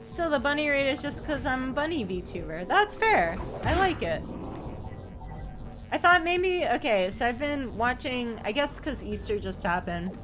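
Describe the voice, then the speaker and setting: A woman's voice: sits high, big pitch swings, measured pace. A woman live streaming a video game with casual, playful chat in a cute, bubbly anime-streamer manner, often slipping into sing-song repeats. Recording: music playing behind the voice. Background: game music.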